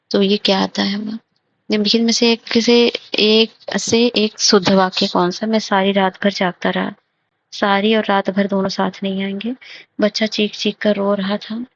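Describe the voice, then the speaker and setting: A woman with a gravelly, even voice works through test answers in a slow, methodical way, repeating and correcting phrases. The recording sounds dull and lo-fi. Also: mid-range voice. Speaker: exam prep teacher. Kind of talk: explaining grammar test answers.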